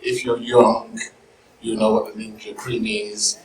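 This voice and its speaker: A middle-aged man with a very deep, firm voice, speaking informally and jokingly on a panel. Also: little pitch movement, measured pace. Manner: informal, joking, mild swearing. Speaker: panel speaker, insight director. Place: live panel event room, microphone. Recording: echoey room, far mic, faint noise.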